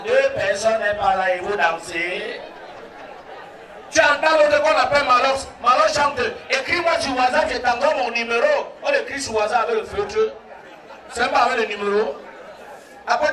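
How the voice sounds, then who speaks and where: A man's voice: very high-pitched, bright, forceful tone. A man from Cameroon with a Cameroonian French accent, working as a wedding MC and joking with the crowd and calling for applause. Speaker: wedding MC and comedian. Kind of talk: stand-up comedy at a wedding. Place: wedding reception hall. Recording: roomy hall from far off, noisy crowd.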